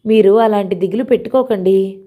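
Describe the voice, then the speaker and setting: A woman voicing a considerate young man who speaks softly and reassuringly. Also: medium pitch, brisk, natural voice. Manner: soft, reassuring.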